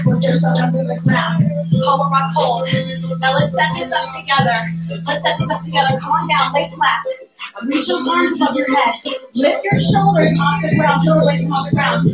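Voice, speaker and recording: A woman leading a live workout, calling out countdowns with sassy, energetic encouragement. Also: high voice, echoey room, far from the mic, rough recording. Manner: energetic motivating callouts and countdowns; sassy and playful. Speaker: fitness instructor. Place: home workout space. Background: workout music.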